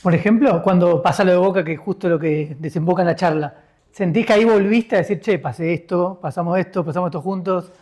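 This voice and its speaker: A male interviewer with a Rioplatense Argentine accent and a high-pitched voice. He speaks casually, as in a relaxed chat with a guest. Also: fast talker. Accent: Rioplatense Argentine Spanish.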